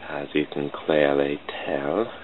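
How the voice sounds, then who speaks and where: Slow, bass-voiced, and fairly even in intonation, a British channel host draws sprites on a computer while giving himself rambling, self-deprecating commentary. The cheap computer mic at his home desk yields a tinny, lo-fi, phone-like sound with faint hiss.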